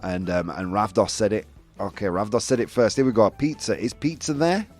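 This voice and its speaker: A man's voice: on the low side, a little fast. A British man hosting a casual livestream game and reading out viewers' answers in a chatty way. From United Kingdom. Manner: chatty, reads viewer answers aloud, animated. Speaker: show host. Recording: faint background music.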